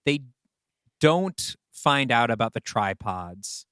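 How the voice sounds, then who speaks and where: In a relaxed brainstorming talk, a male writer co-hosting a podcast muses over story ideas, hesitant and thinking aloud. His mid-range voice is sing-song with a sharp tone and slow pacing, and the studio recording is clean and smooth with no room sound.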